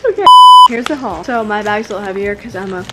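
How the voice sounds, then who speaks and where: A woman's voice: mid-range voice, fast, noisy background. A young woman chatting casually to her viewers in a vlog, bubbly and giggly. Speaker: vlogger. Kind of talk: casual chat. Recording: background music playing.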